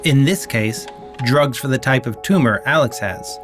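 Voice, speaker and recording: Male narrator for a news doc, calm even read, soft music behind. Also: mid-range voice, normal speed. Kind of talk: scripted documentary narration. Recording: faint music underneath. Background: faint music.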